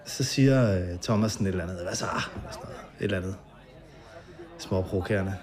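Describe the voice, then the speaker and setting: A man's voice: low-pitched, darkish tone. A man recounting a past night in a documentary interview, hesitant and full of fillers.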